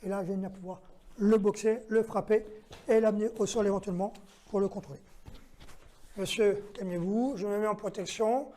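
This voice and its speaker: Speaking quickly in a high, mellow, steady voice, a self-defense instructor demonstrates techniques against slight background noise. He goes move by move, counting aloud, giving his partner short orders, and checking in with "d'accord?"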